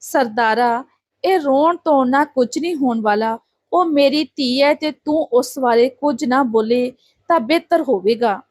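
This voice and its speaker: Woman doing a fierce mom guarding her kid, sharp refusals, high voice, dry. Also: a little slow, no echo. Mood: defiant. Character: fierce, protective adoptive mother.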